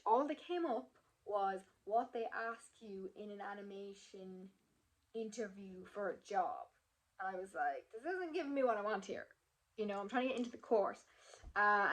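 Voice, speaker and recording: A woman's voice: medium pitch, poor audio. A young woman, chatting to camera in a vlog, emotional and full of fillers. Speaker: vlogger. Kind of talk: casual chat to camera.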